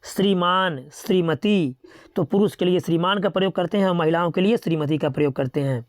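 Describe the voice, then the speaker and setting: A teacher works through a grammar lesson in a steady, methodical rhythm, reading out pair after pair of words. The voice sits at an ordinary middle pitch and now and then breaks off to remind students to remember a tricky one. The sound is dry and close, with no room behind it. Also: fairly quick, no echo.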